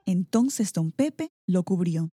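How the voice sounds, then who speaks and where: A woman narrating a children's story aloud in an expressive, animated manner. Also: lowish voice, slow, breathy edge.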